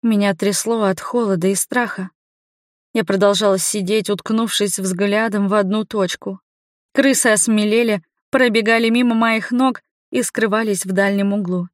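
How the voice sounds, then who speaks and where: A woman narrates a first-person fantasy audiobook at a mid pitch, building tension and suspense as she reads. The recording is dry and close, with no room sound behind her. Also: steady tone, moderate pace, no room sound. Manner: tense, suspenseful storytelling. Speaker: audiobook reader.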